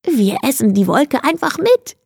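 Woman doing a gentle curious hare. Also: a little high, sing-song, measured pace, slightly rough, no room sound, studio quality, exaggerated voice. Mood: giggly.

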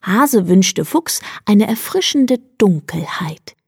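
A woman reading a bedtime story aloud in a slow, calm way, close to the microphone. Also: medium pitch, creaky, breathy edge, no room sound. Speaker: narrator.

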